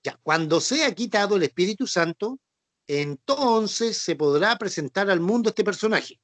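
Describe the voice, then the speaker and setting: A man's voice: high voice, expressive, a little slow, fairly bright tone, no echo. Patient Chilean man teaching a Bible class. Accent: Chilean Spanish. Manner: patient and repetitive, with frequent "¿no es cierto?" and "ya" checks. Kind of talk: Bible class explanation with quiz questions.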